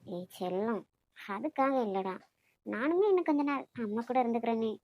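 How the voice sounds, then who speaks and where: A woman's voice: a little high, animated, moderate pace, a little mellow. A woman voicing a playful young woman in love for a cartoon, speaking Tamil with a Nagercoil accent in a coaxing, teasing way. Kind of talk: cartoon voice acting.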